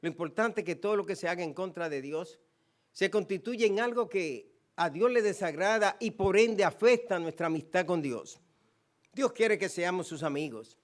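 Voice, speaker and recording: A man's voice: high-pitched, expressive, moderate pace. A man with a Puerto Rican Spanish accent, a pastor preaching a sermon, emphatic, with repeated phrases and quoted scripture. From Puerto Rico.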